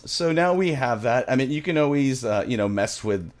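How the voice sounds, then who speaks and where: A middle-aged man with a medium-pitched, animated voice gives a casual music production tutorial at a moderate pace. He rambles and thinks aloud as he works, recorded close on a mic in a small home studio.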